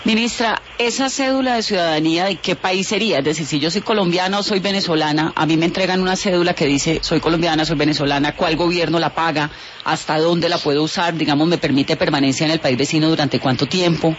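A woman working as a radio journalist, firing off a string of quick questions. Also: sits low, dull audio, slight background noise. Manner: rapid-fire questioning.

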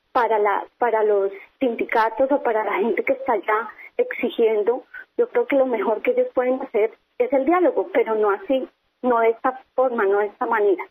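A woman, a company employee interviewed over the phone, speaking firmly and insistently, repeating her points. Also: on the high side. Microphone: telephone. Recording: tinny phone line.

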